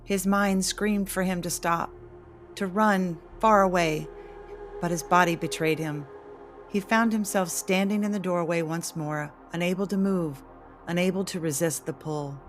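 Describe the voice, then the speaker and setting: A woman reading a horror story aloud in a slow, measured, ominous narration. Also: fairly low pitch, fairly even intonation, faint music behind. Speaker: podcast co-host and story adapter.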